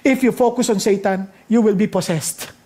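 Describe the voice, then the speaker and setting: Filipino male pastor, high voice, animated bilingual sermon delivery with quick emphatic bursts. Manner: switches between Tagalog and English, reads and explains scripture.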